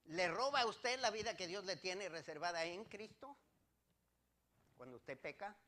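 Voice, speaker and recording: A male pastor preaching a sermon, firing rhetorical questions at his congregation and swinging between loud declarations and quiet asides. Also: high voice, expressive, moderate pace.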